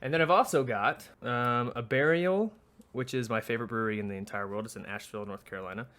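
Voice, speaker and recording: A man's voice: medium pitch, fast talker, fairly bright tone. A man co-hosting a laid-back podcast, chatting about his drinks in a loose, rambling way. He jokes and teases his friends as he goes. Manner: joking, teasing, rambling. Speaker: podcast co-host. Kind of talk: casual chat.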